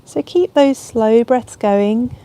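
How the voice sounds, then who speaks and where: A woman's slightly high voice leads a yoga nidra relaxation, gentle, soothing and slow-paced. Ambient sound can be heard around her.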